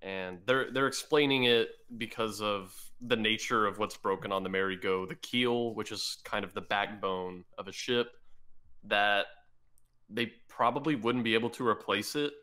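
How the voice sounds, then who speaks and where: A man's voice: fairly low pitch, moderate pace, bright, forceful tone, clean tone. A man co-hosting a podcast in casual chat, explaining ideas step by step as he thinks aloud. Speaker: podcast co-host.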